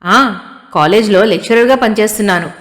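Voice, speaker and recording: A woman voicing a gentle, composed young educated woman who answers politely, heard with a long hall reverb. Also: mid-range voice, a little fast, pitched above the performer's own voice, natural voice.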